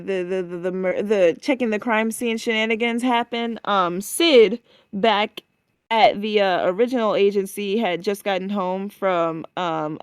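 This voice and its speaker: A woman's voice: medium pitch, clear, resonant tone, no room sound, studio quality. A woman casually recapping a game demo on a podcast, chatty, with many fillers and restarts. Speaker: podcast co-host.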